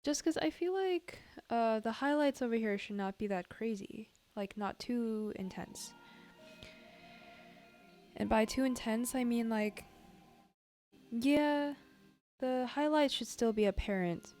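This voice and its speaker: A woman's voice: a little high, slow, long pauses, a little mellow. Chatty woman livestreamer over music. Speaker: art livestreamer. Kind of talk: casual livestream chat while drawing. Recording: music behind the voice.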